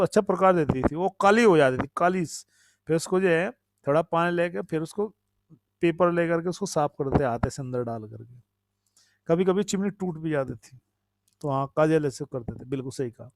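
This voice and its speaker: A preacher with a slightly high voice gives a devotional talk, recorded with clean studio sound and no room sound. Conversational and prone to repeating phrases, he asks his listeners questions and reads out and thanks commenters by name.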